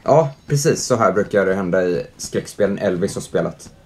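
A young man doing chatty let's-play commentary at home, reading out the game's prompts, joking with it and reacting loudly to scares. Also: sits low, expressive. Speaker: gaming youtuber. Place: at home, indoors.

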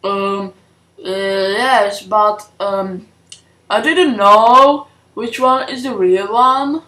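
A woman's voice: medium pitch, very slow, bright, forceful tone. A woman voicing Goyle, a timid, hesitant male henchman in an amateur brick-film cartoon, stammering through his lines. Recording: echoey room, faint hiss.

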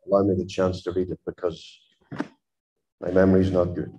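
A man's voice: low-pitched, flat delivery, normal speed, warm tone, reverberant, low-quality recording. A man preaching a sermon in an impassioned, emphatic manner.

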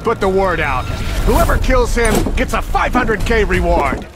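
An actor playing a menacing, hot-tempered older gang boss in a video game, theatrical and sneering. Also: male voice, high voice, very animated, a little slow, full character voice. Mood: furious. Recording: loud music behind. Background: loud game music.

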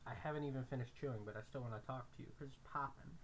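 A man's voice: mid-range voice, racing. Guy chewing and talking thru a mouthful, easygoing rambly food review, faint noise behind. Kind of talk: casual food review vlog.

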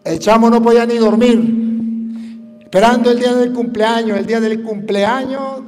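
A priest preaching a sermon, telling a story and acting out its voices, rising to fervent emphasis. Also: male voice, extremely high pitch, fairly even intonation, normal speed, darkish tone, in a large hall.

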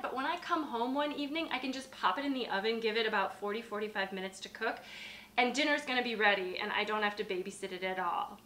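A woman's voice: on the high side, bright, forceful tone. A woman in her thirties, a dietitian hosting her own channel, explaining things in a friendly, upbeat way from her home kitchen as she talks with her hands. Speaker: dietitian host. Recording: echoey kitchen.

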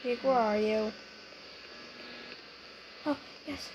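A young female gamer chatting excitably and getting easily startled while playing a game with friends. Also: a little high, drawn-out words. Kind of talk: casual gameplay commentary. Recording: noisy home recording.

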